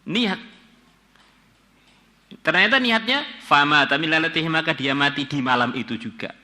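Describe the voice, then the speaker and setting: A man giving a sermon, reading Arabic lines and translating them phrase by phrase, with sudden loud rises and quiet drops. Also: on the high side, moderate pace. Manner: reads Arabic text then translates it phrase by phrase. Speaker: preacher. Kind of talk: afternoon religious study sermon.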